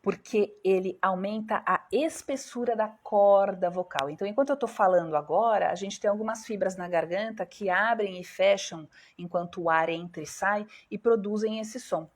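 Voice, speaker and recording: A woman with a Brazilian Portuguese accent talks through a live stream as a doctor, her voice a little breathy and middle in pitch. She explains patiently and poses questions to her viewers before answering them herself. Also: normal speed, hardly any pauses.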